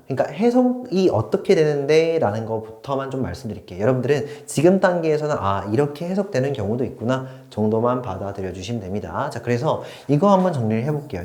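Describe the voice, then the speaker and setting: A man's voice: mid-range voice, warm tone, reverberant. A man teaching an English grammar lesson, often checking whether learners follow and switching between polite and casual speech. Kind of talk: online grammar lecture.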